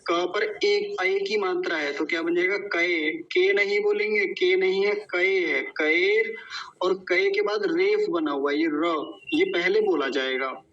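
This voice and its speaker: Patient high-voiced man teaching recitation. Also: fairly bright tone, dull audio. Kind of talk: slow syllable-by-syllable pronunciation lesson.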